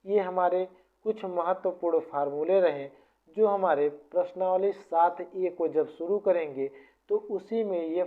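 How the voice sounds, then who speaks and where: Patient teacher on a tinny line. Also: medium pitch. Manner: patient, repetitive step-by-step explaining. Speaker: maths teacher. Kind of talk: explaining formulas in a lesson. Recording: tinny phone-like sound.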